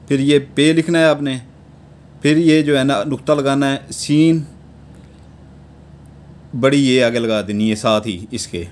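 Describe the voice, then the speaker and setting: A man with a Pakistani Urdu accent calmly teaching how to draw a charm step by step, checking in with a repeated tag after each step. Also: mid-range voice, slight background noise. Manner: unhurried, repeats a verbal tic after nearly every step. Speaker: amulet-making teacher. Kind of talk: step-by-step instructional talk.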